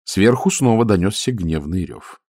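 Man, audiobook narrator, low voice, lively intonation, dry close sound. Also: moderate pace, no echo. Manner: expressive storytelling. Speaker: audiobook reader. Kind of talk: scripted narration.

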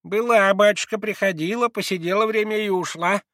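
A male reader voicing a frightened old female servant in a high, fussy, quavering voice. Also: fairly even intonation, fairly quick, fairly bright tone, no echo, clean studio sound. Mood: chattering.

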